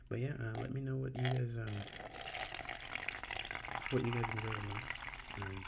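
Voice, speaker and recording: A man's voice: medium pitch, fairly even intonation, normal speed, creaky. A man doing casual ASMR banter close to the ear into binaural mics, hesitant and rambling as he talks to viewers. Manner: hesitant, rambling, loses his thread. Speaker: ASMR video creator. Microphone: binaural in-ear mics set in a styrofoam mannequin head. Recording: loud noise, clicks, handling sounds.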